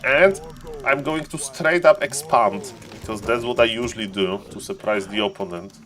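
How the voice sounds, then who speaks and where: A man's voice: medium pitch, normal speed, fairly bright tone, a little hiss or hum. A man giving casual live gameplay commentary as a streamer, in short, playful, ironic remarks that he often repeats. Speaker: game streamer. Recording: game music behind the voice. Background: strategy game music.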